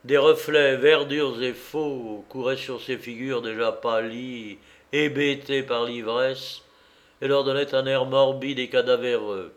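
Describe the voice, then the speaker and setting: A man reading a literary story aloud in a slow, measured, expressive way. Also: mid-range voice. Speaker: audiobook reader. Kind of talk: literary narration.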